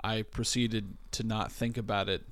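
A man's voice: on the low side, steady tone, moderate pace, a bit bright, no room sound. A man co-hosting a podcast in casual chat, dry and self-deprecating, with a groggy morning voice. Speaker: podcast co-host.

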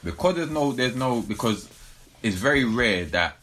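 A man's voice: mid-range voice, lively intonation, normal speed, fairly bright tone, poor audio. A man co-hosting a casual football talk show discussion.

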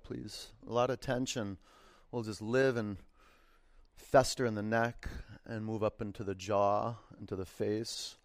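Man gently guiding a yoga class. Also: mid-range voice, no room sound. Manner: unhurried, encouraging, informal, repeats cues gently. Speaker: yoga teacher. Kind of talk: guided yoga class instruction.

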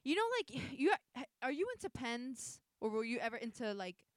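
A woman's voice: on the high side, very animated, moderate pace. A young woman in casual chat, rambling and restarting her sentences, swearing now and then.

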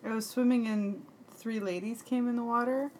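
A woman's voice: a little high, normal speed, slight background noise, poor audio. Chatty woman telling a story. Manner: animated storyteller, acts out quotes. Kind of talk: casual chat.

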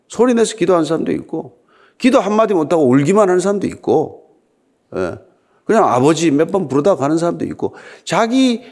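An older male pastor preaches in a conversational style and keeps asking his listeners rhetorical questions. His voice sits a little high and moves through a lively, wide range. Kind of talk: sermon.

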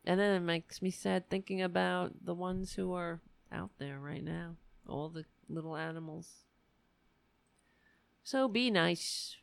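Woman streamer chatting off the cuff, slow n low, bit of gravel, really dry close sound. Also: dry recording. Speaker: host of a political live stream. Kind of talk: casual livestream chat.

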